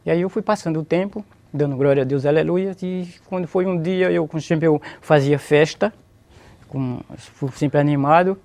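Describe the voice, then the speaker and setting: In an emotional testimony, a Brazilian man tells an interviewer how he came to faith, repeating phrases and praising God. He speaks at a moderate pace in a slightly mellow voice on the high side.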